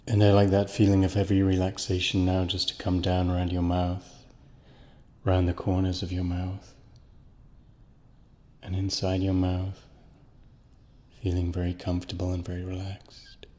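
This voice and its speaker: A man with a very deep, nearly monotone voice leads a guided hypnosis relaxation. He speaks in slow, soothing, repetitive phrases, and his voice trails off into a long reverb.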